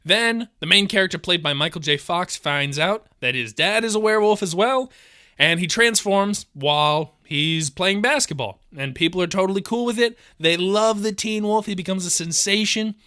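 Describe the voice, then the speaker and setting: Brief: young male co-host, a bit high and bright, deadpan absurd humor. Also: normal speed, smooth, no room sound, studio quality. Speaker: podcast co-host. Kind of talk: casual comedic chat.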